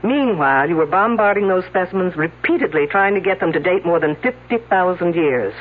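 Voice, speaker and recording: In a tinny old radio broadcast, an actress plays a confident, wisecracking female detective in a mystery. Her lowish voice is lively and fairly quick as she sardonically needles the suspects.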